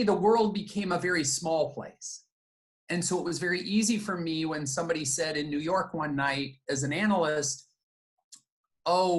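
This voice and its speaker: A middle-aged man, born in the United States and raised in Japan, telling his life story in a reflective, measured way as an interview guest. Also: a little high. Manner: reflective, measured, with fillers and restarts. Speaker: guest, company founder and CEO.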